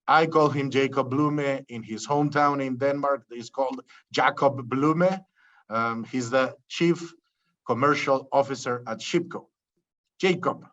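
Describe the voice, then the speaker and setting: Over a muffled recording, a Peruvian podcast host with a mid-range, fairly bright voice presents his interview show. He itemizes the subjects to cover, puts questions to his guest, and repeatedly restarts what he's saying.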